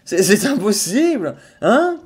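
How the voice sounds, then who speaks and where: This young streamer's voice is high, slow and husky, carrying a Sarthe French accent. Playing a video game in a small room at home, he chats with viewers through a headset mic. Mock-outraged ranting alternates with frequent laughs and sudden loud excitement.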